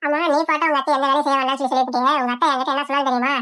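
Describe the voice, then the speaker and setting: A woman's voice: high-pitched, flat delivery, very fast, pushed and bright, dry recording. Woman voicing a scheming gossipy neighbour. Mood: sly. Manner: sly, gossipy. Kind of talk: cartoon voice acting.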